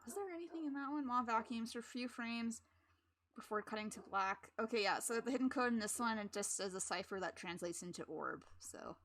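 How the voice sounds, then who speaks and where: Bright-voiced woman streamer chatting. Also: a little high, brisk. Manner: chatty and rambling, with frequent laughs. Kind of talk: casual live-stream commentary.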